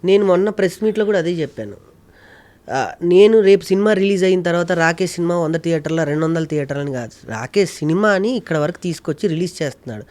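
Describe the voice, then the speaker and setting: Guy chatting in an interview, kinda higher voice, earnest and emphatic, repeats stuff a lot. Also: animated, fast, a little mellow. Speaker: guest, mimicry artist and ventriloquist. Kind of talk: casual interview talk.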